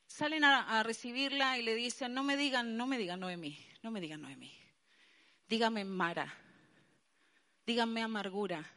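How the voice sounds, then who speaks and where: Una pastora con acento colombiano predicando un sermón animado y enfático a un grupo de mujeres. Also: female voice, a little high. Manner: lively, emphatic preaching with colloquial asides. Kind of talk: sermon to a women's gathering.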